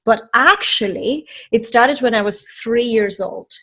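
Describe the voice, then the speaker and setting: A woman from Estonia in her forties, telling her life story as a podcast guest in a chatty, animated way with many fillers. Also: a little high, unhurried. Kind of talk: casual storytelling in an interview.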